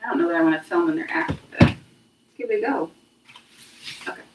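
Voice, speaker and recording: A thirtysomething American woman with a fairly low, animated voice talks fast and casually on a home livestream from her kitchen, using a phone with a clip-on mic. She's a talkative, self-deprecating vlogger who sometimes drops to a whisper to test her mic, and the recording is very noisy.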